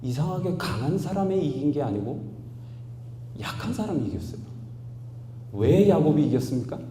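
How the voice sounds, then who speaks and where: A man's voice: a little high, big pitch swings, moderate pace, dark tone. A man in his forties, a pastor, preaching a sermon in a storytelling manner that builds to emphatic, raised passages. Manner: storytelling with rising emphatic outbursts. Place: large church hall. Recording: echoey hall, faint hum.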